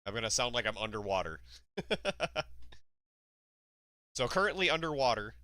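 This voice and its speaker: A man chatting casually while he tests his mic settings. An equalizer makes his voice muddy, bassy and muffled, as if he were underwater. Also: very animated, moderate pace, sharp tone, no room sound. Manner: rambling, says "dude" and "like" a lot. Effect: muffled bassy EQ, sounds underwater. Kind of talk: casual chat.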